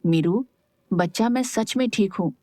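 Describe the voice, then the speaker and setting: A woman's voice: medium pitch, unhurried, darkish tone, no room sound, studio quality, close to an everyday voice. A woman doing a tender, teasing young man.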